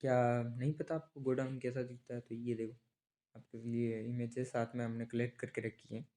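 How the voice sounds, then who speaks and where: Speaking fairly quickly in a medium-pitched voice, this man sounds warm yet flat in delivery. He's teaching an online exam-prep class in a conversational style, addressing students as brother, posing rhetorical questions, and going over important names and dates again and again so they'll be remembered.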